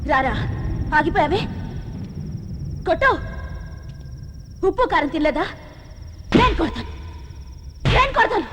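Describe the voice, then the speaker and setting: A woman's voice: very high-pitched, big pitch swings, unhurried, long pauses, noisy background, exaggerated voice. An actress dubbing a volatile, obsessive young woman in a film, speaking tauntingly. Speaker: heroine in a dubbed film. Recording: film soundtrack with music score and reverb.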